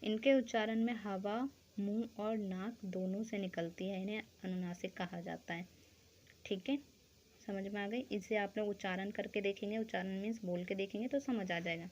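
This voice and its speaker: A woman teaching a school grammar lesson. She explains slowly, asks questions and answers them herself, and keeps checking that the class understands. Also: mid-range voice, fairly even intonation, darkish tone. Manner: keeps checking understanding with short tag phrases; spells out sounds and counts slowly.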